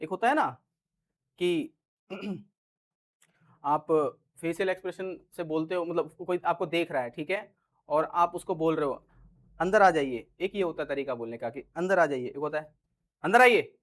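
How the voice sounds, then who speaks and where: Chatty अंदाज़ में पढ़ाता हिंदी शिक्षक. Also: male voice, on the high side, moderate pace. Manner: chatty, repeats "ठीक है", acts out example lines in different tones. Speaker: English teacher. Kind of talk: casual Hindi grammar lesson.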